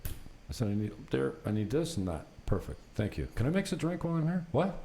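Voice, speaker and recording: This talk show host has a warm, mid-range, sing-song voice with vocal fry and talks a bit fast. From an apartment rigged for recording, he rambles through anecdotes on an unscripted podcast, unfiltered and mildly profane. Background noise is clearly present.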